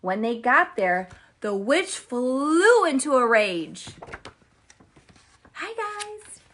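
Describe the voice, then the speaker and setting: A woman hosting a children's story time who reads aloud in an animated way and chats with her viewers. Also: on the high side, takes it slowly. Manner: animated and chatty, addresses viewers as "you guys". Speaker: children's story reader and host. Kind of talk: storybook read-aloud for kids.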